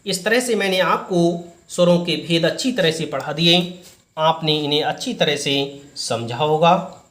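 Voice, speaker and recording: A man teaching Hindi grammar to students, slow and deliberate, repeating each point in a different way. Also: a little high, fairly bright tone, reverberant. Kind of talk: explaining a lesson to students.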